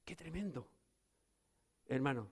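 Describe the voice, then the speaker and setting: An older man with a Chilean accent preaching a sermon as pastor, moving between loud emphatic lines and low, quiet ones. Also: expressive, unhurried, gravelly, slightly rough.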